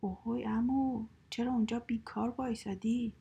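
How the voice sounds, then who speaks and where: A woman voicing a rough male factory guard in a whispered role-play, talking gruffly and with scorn. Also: fairly high pitch, steady tone, warm tone, exaggerated voice. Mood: scornful.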